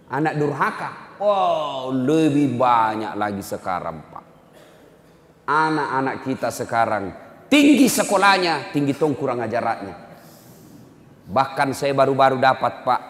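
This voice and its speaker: Lively Makassar-accented male preacher. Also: medium pitch. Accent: Makassar Indonesian. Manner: lively, dramatic storyteller. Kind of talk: humorous sermon storytelling. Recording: echoey hall with long reverb.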